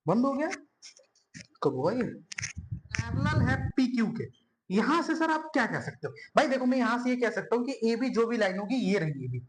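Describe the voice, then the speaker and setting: High-voiced man teaching math. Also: sing-song, moderate pace, slight background noise. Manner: chatty, addresses students as bhai and yaar, repeats words while drawing. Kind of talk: casual board-exam math lesson.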